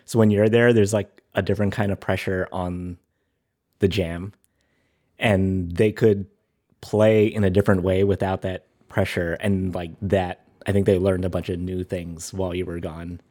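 A man with a gravelly voice worn from talking, chatting casually as a podcast co-host and halting as he thinks aloud. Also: low-pitched, flat delivery, a little mellow. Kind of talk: casual chat.

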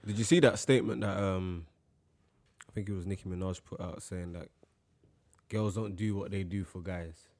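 A man's voice: low voice, normal speed, long pauses, darkish tone. A young man with a London roadman accent, co-hosting casual banter in a colloquial, questioning way. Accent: London, urban roadman slang.

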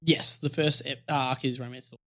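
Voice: mid-range voice, steady tone, moderate pace, fairly bright tone. A podcast co-host eagerly recapping a story in a casual, giggly way.

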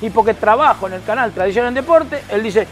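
A man co-hosting a casual sports talk show, teasing and emphatic, jumping up in pitch when he defends himself. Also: expressive, fairly quick, over loud music.

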